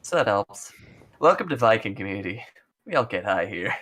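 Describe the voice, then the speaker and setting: Animated man chatting at a tabletop game. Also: fairly low pitch, a little fast. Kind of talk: casual chat.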